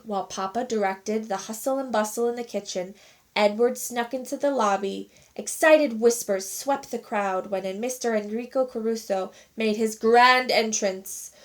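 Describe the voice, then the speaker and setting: A teacher reading a children's storybook aloud with expressive, animated narration. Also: female voice, a little high.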